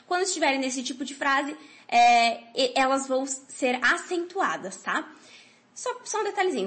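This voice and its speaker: Chatty high-voiced teacher woman. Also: fairly bright tone. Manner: chatty, encouraging, with frequent tag questions. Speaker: Spanish teacher. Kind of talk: online language lesson.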